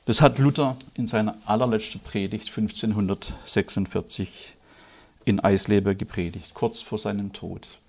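A German-speaking man preaching a sermon, moving from quiet, measured delivery to loud, high, emphatic passages. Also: fairly even intonation, creaky, slightly rough. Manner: grows loud and high-pitched when stirred, slow emphatic stresses.

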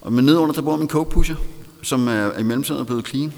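A man's voice: medium pitch, a little mellow. A man with a Danish accent telling a candid personal story in a self-mocking way, laughing often. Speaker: storyteller recounting recovery. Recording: long hall reverb.

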